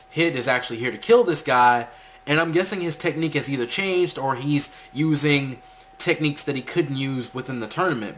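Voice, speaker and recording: A man's voice: medium pitch, fairly bright tone, slight background noise. A man giving a casual, conversational anime episode recap with his own opinionated asides.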